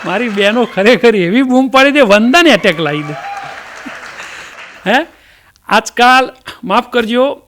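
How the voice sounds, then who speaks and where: Male stand-up comic with a Mehsana Gujarati accent, high and smooth voice, folksy and chatty. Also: a bit bright. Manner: folksy, chatty storytelling with dialect fillers. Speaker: comedian. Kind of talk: stand-up jokes.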